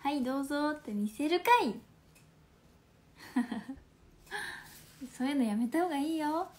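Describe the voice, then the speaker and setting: A woman's voice: sits high, animated, a little slow. Chatty young woman with a Hakata accent. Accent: Hakata dialect. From Fukuoka, Japan. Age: 20s. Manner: chatty and playful, laughs often, drops into soft asides. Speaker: livestream host. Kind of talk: casual livestream chat reading viewer comments.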